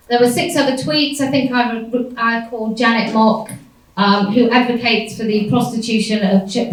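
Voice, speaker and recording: A woman speaking on a panel, telling a story in a wry, defiant way and laughing often. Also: fairly high pitch. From United Kingdom. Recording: echoey hall from far off.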